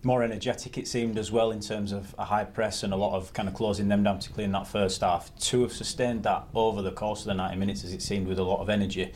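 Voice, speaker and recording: A man's voice: lowish voice, flat delivery, quick pace, hardly any pauses, darkish tone, slight background noise. A man interviewing a manager after a match, asking long, leading questions.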